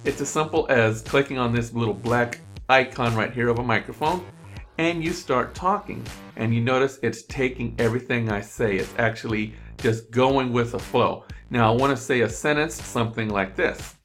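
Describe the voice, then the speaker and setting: Male tutorial presenter, mid-pitched, step-by-step repetitive explainer on a desk mic, faint music bed. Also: normal speed, a bit bright. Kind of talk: screen-recorded tutorial walkthrough. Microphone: USB desk microphone.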